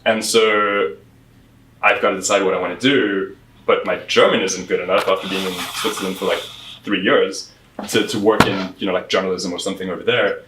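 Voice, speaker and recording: A young man from South Africa talks through his background as an interview guest, easygoing and full of "like" and "you know." His voice sits low and sounds a bit distant. The echoey room is a bright storefront space. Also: fairly even intonation, brisk, a little hiss or hum. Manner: chatty storyteller, many likes and fillers, laughs often. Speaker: guest, PR firm founder. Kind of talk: casual interview chat. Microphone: lapel mic. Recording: roomy echo, mic at a distance.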